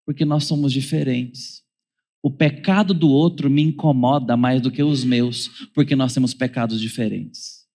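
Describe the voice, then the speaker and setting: A man's voice: medium pitch, moderate pace, warm tone. A man with a Brazilian Portuguese accent preaching a sermon as pastor, with wry humor and playful asides. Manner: wry humor, mimics children's whining voices.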